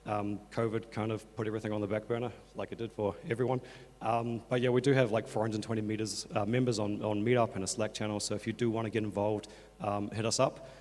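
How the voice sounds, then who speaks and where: Casting: New man, lowish croaky voice with creaky starts, casual hesitant presenter in a reverberant hall. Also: little pitch movement, quick pace, darkish tone. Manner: casual, hesitant, many fillers such as "like". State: croaky from two days of talking. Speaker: conference speaker, workshop organiser. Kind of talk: informal stage presentation. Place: on stage in a conference hall. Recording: echoey hall, long reverb.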